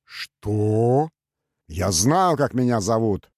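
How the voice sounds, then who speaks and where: A man's voice: on the low side, animated, drawn-out words, a little mellow, no room sound, studio quality. A man voicing a flustered, bewildered young male alchemist in an audiobook. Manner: bewildered, indignant.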